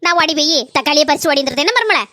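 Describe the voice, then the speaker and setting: Cartoon mother-in-law, older village woman, southern Tamil Nadu dialect, very high and fast as a woman voices her. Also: animated, sharp tone, no echo, studio quality. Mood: doting. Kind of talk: cartoon voice acting.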